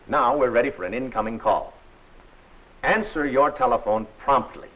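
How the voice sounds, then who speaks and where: A man narrating a 1940s instructional film in a friendly, instructive and measured way. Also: mid-range voice, slight background noise. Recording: dull old film soundtrack.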